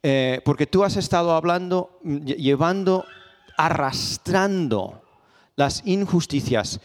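A male pastor preaches, telling stories and hammering points home through rhetorical questions and repetition. His voice sits a bit high and carries a long reverb the church hall. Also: animated, slow pace. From Spain. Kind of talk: sermon. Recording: echoey hall.

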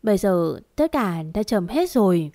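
A woman's voice: medium pitch, sing-song, a little slow, dark tone, no echo. Dry, close woman narrating a story.

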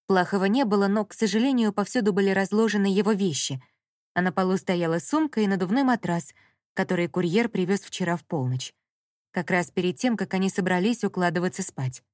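A woman reading an audiobook novel in a measured storytelling manner. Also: medium pitch, a little mellow, no room sound, clean studio sound. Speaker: audiobook narrator. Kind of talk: scripted narration.

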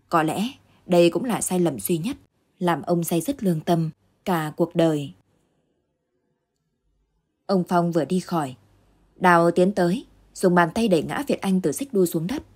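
A woman reading a ghost story aloud as scripted narration, in a steady, dramatic reading. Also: fairly low pitch, husky.

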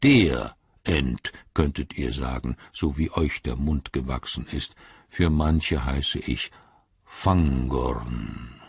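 A man voicing an ancient, patient male tree giant with a rumbling, drawn-out, hushed voice. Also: gravelly, slightly rough, no room sound, dull audio, heavily acted. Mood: slow, ponderous.

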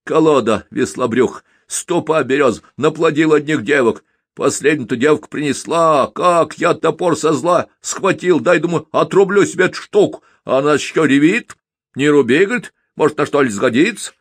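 A man reading aloud and voicing a drunken, bullying village peasant who blusters and shouts. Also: fairly high pitch, moderate pace, breathy edge, no echo, studio quality, voice pushed up. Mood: drunken rant.

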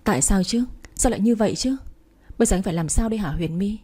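A woman's voice: medium pitch, animated, fast, mellow, breathy edge. A woman reading the part of a heartbroken young man who keeps crying and pleading in a spoken story. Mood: distraught. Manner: tearful, pleading.

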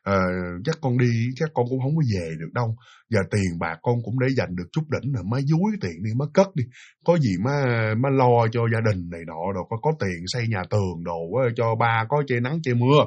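A man voicing a meek, dutiful teenage son, speaking softly and submissively. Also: medium pitch, very animated, a little fast, lo-fi sound, pitched below the performer's own voice. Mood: sad. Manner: soft, submissive, hushed.

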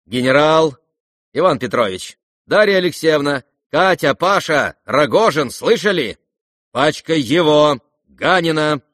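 A man voicing a proud, reckless young woman who is defiant and theatrical, calling out loud commands in a raised voice. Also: mid-range voice, huge pitch swings, slow pace, pauses often, no echo, studio quality, full character voice. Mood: defiant commanding.

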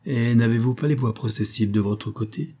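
A man's voice: mid-range voice, moderate pace, warm tone, natural voice. A man reading the part of a bold young cavalier lover, gallant and theatrical, in an audiobook.

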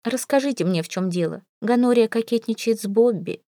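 A woman's voice: on the high side, a little fast, warm tone, no room sound, close to an everyday voice. Fretful, tearful older mother-in-law in an audiobook, read by a woman, sighing and plaintive, close and dry. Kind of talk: audiobook character reading.

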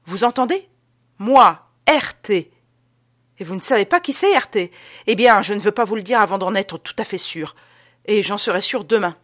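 An alarmed, excitable gentleman in a spoken storybook, voiced by a woman reader, raising his voice well above her usual tone. He speaks in urgent, emphatic bursts, pressing his points. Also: medium pitch, slow pace, long pauses, pitched above the performer's own voice. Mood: agitated urgent. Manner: agitated, emphatic exclamations. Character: anxious middle-aged Parisian man, Adolphe.

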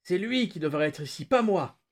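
A man voicing a terrified, starving male prisoner who pleads and whimpers in a high, strained voice. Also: expressive, moderate pace, a bit bright. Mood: panicked. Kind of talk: audiobook-style reading.

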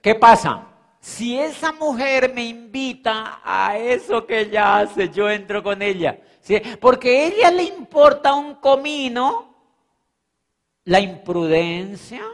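A man giving an animated, emphatic motivational talk, repeating phrases and checking in with his audience. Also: very high voice, takes it slowly. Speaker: motivational speaker. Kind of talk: live motivational seminar talk. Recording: long hall reverb.

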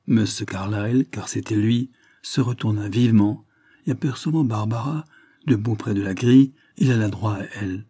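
Male audiobook narrator, dark husky voice, steady telling, dry close sound. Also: on the low side, normal speed, no echo.

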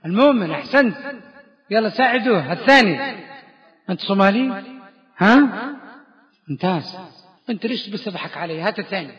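High-voiced man quizzing students. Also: expressive. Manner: brisk quizzing with quick praise. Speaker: teacher of Quran exegesis. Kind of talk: classroom question-and-answer lesson. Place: study circle with students. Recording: dull reverberant lo-fi hall recording.

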